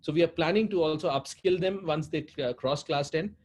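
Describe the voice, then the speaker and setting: A man's voice: fairly high pitch, fairly quick, darkish tone. A man with an Indian accent giving long, earnest explanations as an interview guest, often repeating phrases for emphasis. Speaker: interview guest, head of a social foundation. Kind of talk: interview talk, explaining at length. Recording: clearly noisy background.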